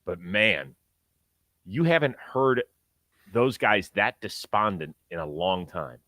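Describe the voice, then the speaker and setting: A man hosts a sports talk show in a lowish, bright and forceful voice. His commentary is conversational and punchy, recorded close and dry. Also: expressive, takes it slowly, no room sound.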